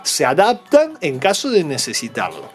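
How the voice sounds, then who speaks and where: A man's voice: on the high side, huge pitch swings, normal speed, soft background music. A man, unboxing toys and patiently explaining them to young viewers, checking in with them all the time. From Argentina. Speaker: toy unboxing vlogger.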